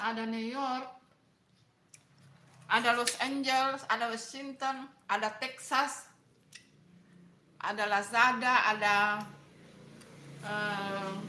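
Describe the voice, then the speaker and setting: Eating during a casual live stream, a middle-aged woman with a Makassar Indonesian accent questions her viewers and answers what they comment. She has a high-pitched, sharp-toned voice, and the audio sounds roomy.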